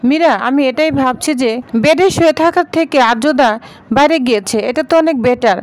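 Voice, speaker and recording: A woman voicing a proud, sharp-tongued young woman from a wealthy family who taunts others. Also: high voice, fairly quick, natural voice. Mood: taunting.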